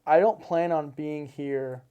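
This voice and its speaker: A man's voice: a little high, fairly even intonation, slow, dark tone, clean tone, lo-fi sound. A man from Seattle, a podcast guest, talking earnestly in a casual interview with repetitive, emphatic phrasing. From Seattle, United States.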